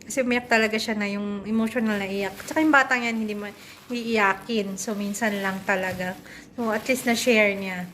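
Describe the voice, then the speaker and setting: A woman's voice: medium pitch, fairly even intonation, normal speed, a bit bright, slight background noise. A woman in her thirties from the Philippines, chatting to her vlog audience as a mother at home, laughing often and slipping into English. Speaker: vlogger and mother. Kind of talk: casual chat to camera.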